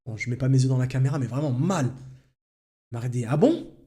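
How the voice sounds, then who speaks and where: A man hosting a live stream, telling a personal anecdote in an animated way and addressing his audience directly. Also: mid-range voice, quick pace. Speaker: religious talk host.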